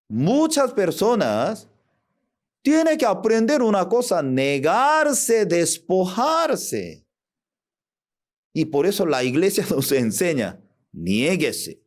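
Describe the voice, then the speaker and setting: A man preaching a sermon as pastor, in with broken grammar, acting out short quoted voices of mothers and children. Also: on the high side. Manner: non-native Spanish with broken grammar.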